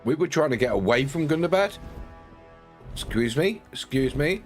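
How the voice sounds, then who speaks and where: A man's voice: fairly high pitch, lively intonation, normal speed. A man giving casual gameplay commentary, slipping into playful in-character narration. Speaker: game streamer. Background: game music.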